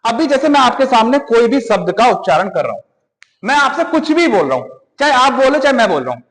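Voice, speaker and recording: A man's voice: sits high, fairly bright tone, big-room sound, poor audio. A man teaching an exam-prep grammar lesson, asking questions and answering them himself, repeating key points.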